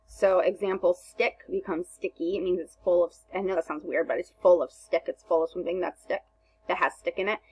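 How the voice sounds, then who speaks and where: Woman teacher, husky and lowish, explains step by step with plenty of "um"s. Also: steady tone, brisk, a little mellow, poor audio. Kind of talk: recorded remote lesson walkthrough.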